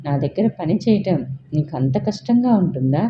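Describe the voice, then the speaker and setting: A woman's voice: deep voice, expressive, moderate pace. A woman voicing a young male boss who pleads with the woman he loves, in an urgent, pleading manner. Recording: dull, faintly hissy recording.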